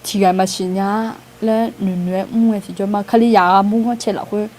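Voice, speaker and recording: A woman gives an informal outreach talk to a gathered group. Her voice is warm and mellow, and her delivery is chatty and unhurried, full of small hesitation sounds and light laughter. Faint ambient noise sits behind her. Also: medium pitch, fairly even intonation. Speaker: outreach speaker.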